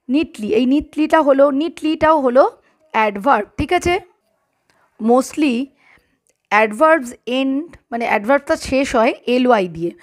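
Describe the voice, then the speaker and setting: Woman, high voice, grammar teacher, repetitive questioning, slow careful English examples. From Bengal. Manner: repeats examples, checks understanding with questions; reads English sentences slowly and carefully. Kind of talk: explaining grammar lesson.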